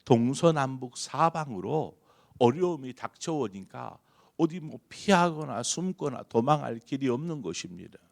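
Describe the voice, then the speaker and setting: A man's voice: medium pitch, lively intonation, unhurried, creaky. A middle-aged man, a pastor, preaching an early-morning prayer sermon with earnest emphasis. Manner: earnest preaching, rising emphasis on key phrases.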